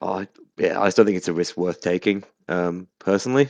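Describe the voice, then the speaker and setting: A man's voice: deep voice, steady tone, brisk, gravelly, dry recording. A man co-hosting a casual sports podcast, informally reasoning out his opinions. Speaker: podcast co-host.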